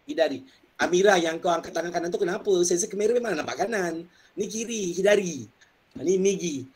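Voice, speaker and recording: A man's voice: sits high, fairly quick, a little mellow, husky. Playful man teaching Japanese. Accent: Malaysian. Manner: playful, joking, drills words by repetition. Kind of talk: online language class.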